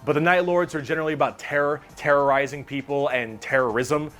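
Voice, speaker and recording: A man's voice: fairly high pitch, fairly even intonation, brisk, fairly bright tone, faint music behind. A man streaming, casually explaining game lore in a loose, profane way and reading chat messages aloud.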